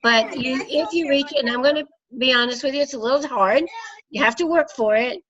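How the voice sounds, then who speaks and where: A middle-aged woman runs a team meeting over video call, sounding congested and sick from a cold as she rambles with plenty of filler words. Her voice sits high, a bit bright and slightly fast, and the call audio is dull and lo-fi with faint noise.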